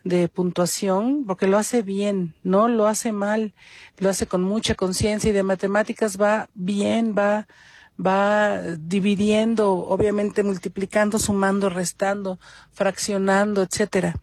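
A woman's voice: medium pitch, steady tone, measured pace, a little mellow, no room sound. A woman from Mexico City with a Mexico City Spanish accent, leaving a recorded voice message for a radio show as a caller, earnest and fluent. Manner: earnest, fluent, lists things in long runs. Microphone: phone voice note.

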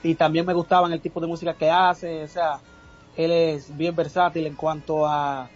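A man with a Dominican accent, a guest singer in a casual interview, pausing often with filler sounds. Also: a little high, little pitch movement, dull audio, faint music behind. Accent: Dominican Spanish. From Dominican Republic. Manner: halting, many filler sounds.

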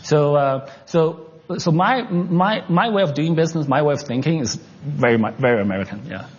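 An investor and entrepreneur from China who grew up in Canada speaks in an unscripted interview, halting often, with many restarts and fillers. His fairly high, husky voice has lively intonation. The audio is dull, with a long reverb tail.

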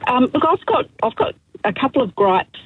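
A woman's voice: high voice, big pitch swings, normal speed, noisy background. A woman calling in to a radio show, hesitant, with many ums. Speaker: caller. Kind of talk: phone-in radio call. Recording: tinny phone line.

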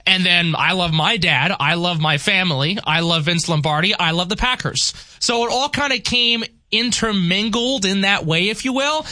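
A man's voice: high-pitched, moderate pace, hardly any pauses, pushed and bright, no room sound. A young man from Long Island, an enthusiastic and talkative radio guest host in casual banter. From New York, Long Island. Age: young adult.

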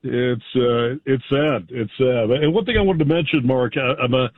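A man from the United States calling in to a radio show, earnest and halting, often restarting his sentences. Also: medium pitch, no echo. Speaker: caller. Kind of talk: phone-in call. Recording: tinny phone line.

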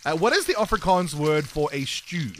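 With a sing-song lilt and a fairly high, slightly bright voice, a South African man hosts a breakfast radio game. His patter is quick, chirpy and teasing throughout the upbeat segment, and a little hiss or hum runs underneath.

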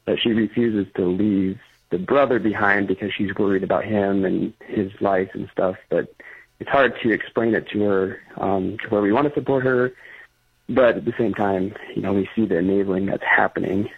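A man calling in over a phone line, explaining his question in an earnest, halting way. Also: lowish voice, steady tone, vocal fry, breathy edge. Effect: phone line into the show. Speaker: caller. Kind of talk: call-in advice question. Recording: tinny phone line that breaks up.

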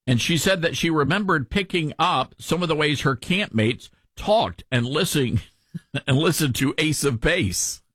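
A man's voice: on the high side, expressive, a little slow, a bit bright, husky, dry recording, studio quality. A man with a mellowed Southern American accent hosting talk radio in a conversational, folksy way. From Southern US, Tennessee.

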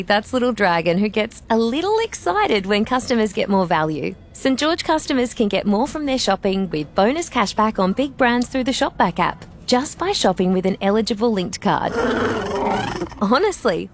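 Lively, higher-pitched female ad announcer. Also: normal speed, a little hiss or hum. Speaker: commercial announcer. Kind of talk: conversational scripted ad read.

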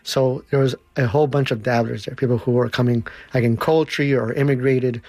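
A man's voice: medium pitch, fairly even intonation, a little mellow, no room sound. A man who teaches and organizes dance, telling his story in an earnest, reflective interview manner. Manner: earnest, quick bursts with slow emphatic stretches.

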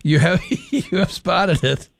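Chatty talk radio host, dry studio sound. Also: male voice, high voice, wildly swooping pitch, takes it slowly, creaky, dry recording. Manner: chatty, banters with callers and producer. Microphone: studio microphone.

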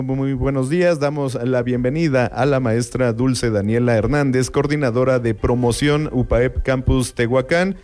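A male radio host with a Mexican Spanish accent reads the news and welcomes guests in a formal, measured announcer manner. His voice sits in the middle range for a man. A faint music bed plays under him. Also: mid-range voice, a little mellow. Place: radio studio.

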